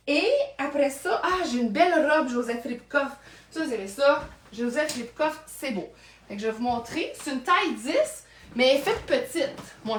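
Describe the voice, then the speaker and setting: A woman with a Québécois accent chatting playfully as she tries on secondhand clothes, talking to a camera across an indoor room. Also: fairly high pitch. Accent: Québécois French. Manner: playful, chatty, jokes to herself. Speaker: vlogger showing secondhand clothes. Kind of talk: casual fashion try-on chat. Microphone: camera at a distance. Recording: roomy echo from mic distance.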